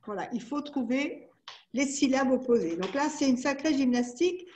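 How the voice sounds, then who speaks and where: A woman's voice: sits high, animated, normal speed, mellow, a little hiss or hum. A woman presenting educational games in a webinar, patiently walking through the rules step by step over a video call. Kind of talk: explaining a product webinar.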